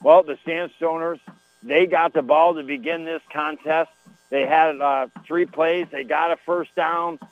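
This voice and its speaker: A man's voice: on the high side, fairly even intonation, measured pace, no room sound. Man on tinny AM radio, folksy sportscaster. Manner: folksy, chatty, rattles off scores and plays. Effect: AM radio broadcast sound. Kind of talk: live high school football commentary. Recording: tinny, dry AM radio line.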